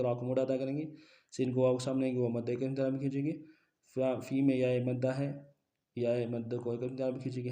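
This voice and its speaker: A man's voice: medium pitch, mellow. A man teaching Quran recitation, rattling off pronunciation rules one after another in a step-by-step lesson. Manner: rapid, instructive, drilling rules one by one. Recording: roomy echo.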